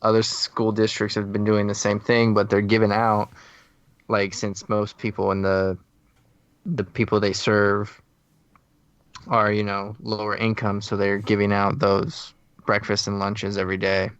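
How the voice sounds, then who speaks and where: A man's voice: fairly low pitch, level tone, unhurried, fairly bright tone, clean tone, dry recording, dull audio. A man co-hosting a podcast in casual, conversational chat. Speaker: podcast co-host.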